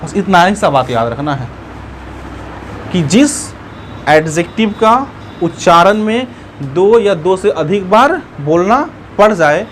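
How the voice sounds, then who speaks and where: Animated high-voiced male teacher. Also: slight background noise. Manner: explains step by step, repeats words slowly and syllable by syllable. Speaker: English teacher. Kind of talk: classroom grammar lesson.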